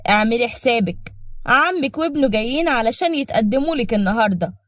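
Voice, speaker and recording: A woman's voice: a little high, lively intonation, quick pace, no room sound, clean studio sound, close to an everyday voice. Woman voicing a harsh scolding Egyptian mother. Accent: Egyptian Arabic. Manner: scolding, threatening. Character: harsh, threatening middle-aged Egyptian mother.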